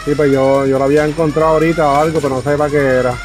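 Fast-talking man in casual gameplay chat. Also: a little high, level tone, crowd noise. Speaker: video game player.

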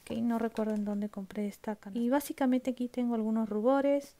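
Brisk and warm, with a fairly high pitch and fairly even intonation, a beauty vlogger runs through her makeup collection at home. She's chatty, keeps checking in with her viewers, and sometimes lowers to a whisper.

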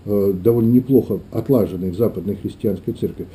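A man's voice: lowish voice, fast, dark tone. A middle-aged man, a clergyman, giving reflective interview answers, often searching for his words. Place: small meeting room indoors.

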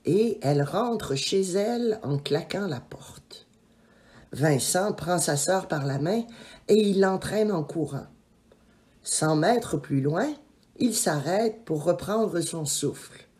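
A woman reading a children's story aloud in an expressive, measured way. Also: on the low side. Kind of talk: scripted children's story narration.

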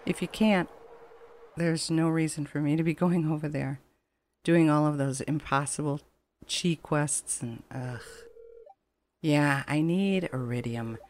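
Her voice sits low and a little mellow, keeping a measured pace with frequent pauses, and there's slight background noise. This gaming channel host gives casual, rambling let's play commentary over game footage set to game music.

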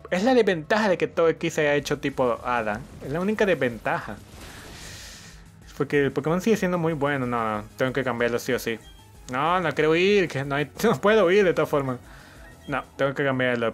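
A young man giving casual let's-play commentary as the host of a gaming channel, cheering his team on, thinking aloud and swearing often. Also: medium pitch.

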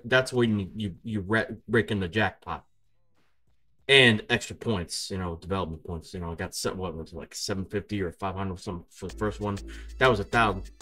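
A man giving casual let's-play commentary, excitable and profane, trash-talking the screen. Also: fairly low pitch. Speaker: gaming video host. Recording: faint game music behind.

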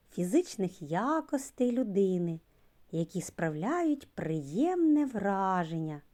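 A woman preschool teacher giving a slow literacy lesson to young children, stretching out sounds and key words. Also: fairly low pitch, mellow. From Ukraine.

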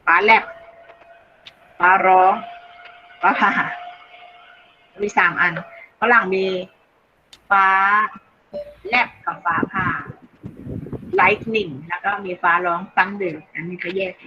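A woman teaching an English class online, explaining slowly in Thai and reading English phrases aloud. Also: on the low side, fairly even intonation, pushed and bright. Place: online video call. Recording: dull lo-fi call audio, faint noise.

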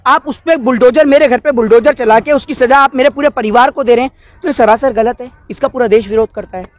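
A man in his twenties, interviewed on the street outdoors by a wall, argues politics indignantly through rhetorical questions. He speaks with a very high-pitched voice, a little fast. Handheld news mics are held close in a cluster, and there's no room sound.

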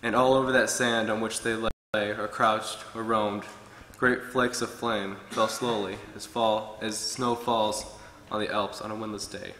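A young man preaches earnestly from his notes at a pulpit. His voice is bright and forceful. The sound carries a long reverb from a large, echoey church hall. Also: lowish voice, level tone, a little slow, few pauses, a little hiss or hum. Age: young adult. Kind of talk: sermon. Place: church hall with wood-paneled walls.

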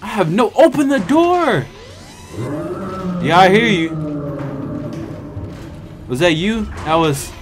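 A young American man giving excitable, trash-talking commentary while he plays a video game. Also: high-pitched, slow pace, long pauses, background noise. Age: young adult. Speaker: gaming video host. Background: game music and sounds.

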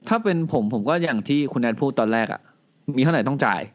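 Quick, joking podcast co-host, man, mid voice, lo-fi sound. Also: mid-range voice. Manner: fast, joking, poses hypotheticals. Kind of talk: casual chat.

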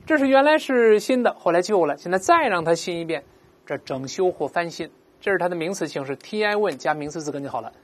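A woman's voice: fairly low pitch, breathy edge. A woman teaching English vocabulary, explaining words patiently and asking "right?" again and again. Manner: explains patiently, slowly models pronunciations for repeating; asks "right?" often. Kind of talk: vocabulary lesson.

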